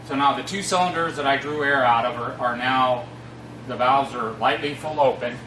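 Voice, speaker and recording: Echoey, distant middle-aged male trainer. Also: medium pitch. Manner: halting, matter-of-fact explanation. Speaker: fire district equipment trainer. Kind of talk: informal instructional demonstration. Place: concrete-floored equipment room, indoors. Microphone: distant camera across the room. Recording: echoey, noisy, distant camera sound.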